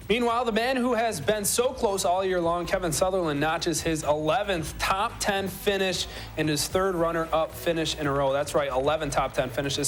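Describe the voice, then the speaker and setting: A man narrating scripted golf highlights as a commentator, with playful, colloquial quips. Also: roomy sound. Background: music.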